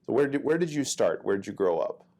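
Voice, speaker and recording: A middle-aged man hosting an interview, friendly and asking measured questions. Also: medium pitch, sing-song, darkish tone. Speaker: interview host. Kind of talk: conversational interview.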